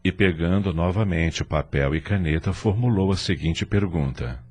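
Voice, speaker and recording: Loud music plays beneath a low, husky male voice moving at a moderate pace. He narrates an audio drama, reading dramatic scripted lines.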